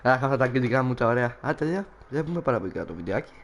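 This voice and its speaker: A man's voice: medium pitch, very animated, a little hiss or hum. A young man chatting playfully and rambling as he streams himself playing a game. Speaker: gameplay streamer. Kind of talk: casual live commentary over a game.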